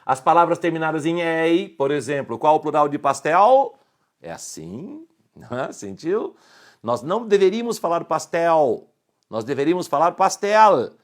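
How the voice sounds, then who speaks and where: A man's voice: on the high side, sing-song, moderate pace. A middle-aged man with a Brazilian Portuguese accent teaching an online grammar lesson, explaining rules and asking the viewer short checking questions.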